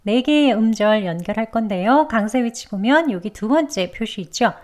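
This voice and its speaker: A woman teaching English pronunciation, who explains calmly and precisely, step by step, and models each word very slowly. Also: fairly high pitch. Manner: models words very slowly and deliberately. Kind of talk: scripted pronunciation lesson.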